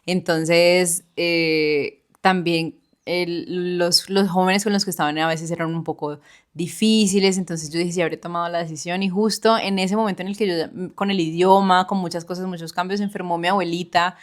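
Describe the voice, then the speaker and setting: A woman's voice: fairly low pitch, steady tone, normal speed. A woman co-hosting a podcast, earnestly telling her own experience and speaking directly to the listener. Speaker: podcast co-host. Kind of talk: personal storytelling chat.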